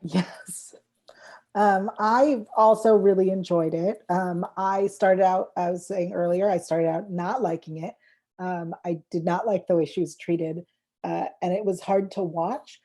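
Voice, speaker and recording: Mellow-voiced frank woman. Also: fairly low pitch, steady tone, unhurried. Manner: frank, complaining with a laugh, many ums. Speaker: panelist. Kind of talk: casual panel discussion.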